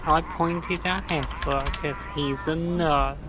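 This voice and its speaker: A man's voice: a little high, steady tone, takes it slowly, crowd noise. A man chatting casually in voice chat while gaming with friends. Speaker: gamer in voice chat.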